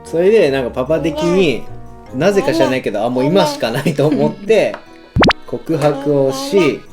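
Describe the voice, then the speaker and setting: A man's voice: a little high, animated, moderate pace. A young man chatting casually as he tells a story, often chuckling, with music playing behind him. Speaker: husband and father co-hosting a couple's chat. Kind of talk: casual chat, telling a story from their dating days. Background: background music.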